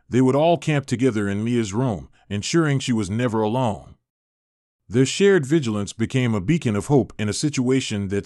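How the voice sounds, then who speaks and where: Man narrating a spooky tale with lively pitch. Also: no echo, clean studio sound. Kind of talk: scripted horror story narration.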